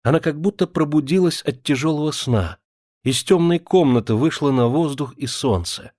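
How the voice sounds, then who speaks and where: A man reading a classic novel aloud in a measured, expressive storytelling voice. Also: fairly high pitch, no echo, clean studio sound. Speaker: audiobook narrator. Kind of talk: scripted literary narration.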